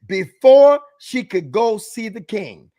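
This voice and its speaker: High-voiced preaching man, animated. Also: slow pace. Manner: animated, preachy, breaks into shouts. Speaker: bishop. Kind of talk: preaching relationship talk.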